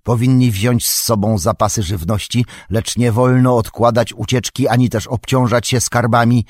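A man voicing a wise old wizard who gives measured counsel in an audiobook. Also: medium pitch, fairly even intonation, no room sound, studio quality, natural voice. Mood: advising. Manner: measured, advising.

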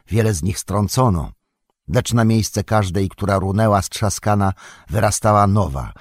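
Low husky male audiobook narrator. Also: no room sound, clean studio sound. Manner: measured, dramatic reading. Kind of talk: scripted narration of a fantasy novel.

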